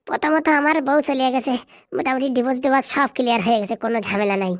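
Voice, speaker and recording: A woman's voice: sits high, steady tone, quick pace, dry recording, clean studio sound, lightly acted. A woman voicing a boastful, tipsy cartoon man who is glad his wife has left, talking in a slurring, gleeful way. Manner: slurring, gleeful, smacking drink noises. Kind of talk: comic cartoon voice acting.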